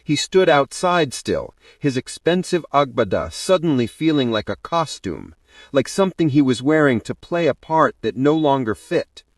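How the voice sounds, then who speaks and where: A male narrator reading a dramatic story aloud. His pitch moves in a lively way, and the recording is dry and close. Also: normal speed, dry recording.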